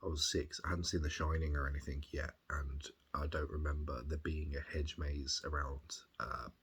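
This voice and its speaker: Very deep husky Birmingham man. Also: level tone, normal speed, fairly bright tone. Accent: Birmingham English. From Birmingham, England. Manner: rambling, hesitant, thoughtful. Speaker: video diarist. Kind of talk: casual reflective chat, recounting.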